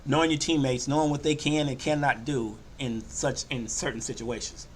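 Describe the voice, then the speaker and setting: An older man hosting a sports podcast, talking casually and loosely, often slipping into animated quoted voices. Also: medium pitch, moderate pace, slight background noise. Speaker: podcast host. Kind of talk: casual sports talk monologue.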